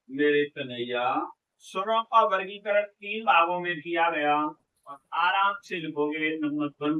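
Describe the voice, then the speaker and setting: A male Hindi teacher giving an exam-prep lecture, asking questions and answering them himself, stretching vowels to demonstrate, and warmly addressing his students. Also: fairly high pitch, lo-fi sound.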